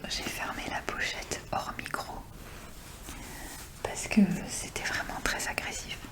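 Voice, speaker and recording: Keeping a measured pace, a woman making ASMR videos breathes her unvoiced whispers close to the listener's ear. She chats casually as she shows and tells, everything gentle and intimate.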